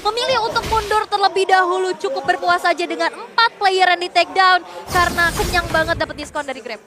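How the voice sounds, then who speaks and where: An Indonesian woman commentates a live game match with an animated delivery. Her voice is notably high. Music and crowd noise are clearly heard behind her. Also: brisk.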